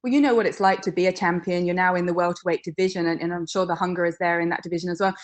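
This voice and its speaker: A woman's voice: on the low side, fairly even intonation, rapid-fire. A woman working as a sports interviewer, asking questions in a post-fight interview.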